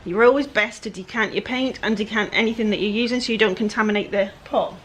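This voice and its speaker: A woman's voice: mid-range voice, fast, a little hiss or hum. A woman with a West Country English accent, chatting casually and rambling as she narrates her furniture painting. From England-Wales border, UK. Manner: chatty, rambling, self-deprecating. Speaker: furniture flipper. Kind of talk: casual DIY vlog narration.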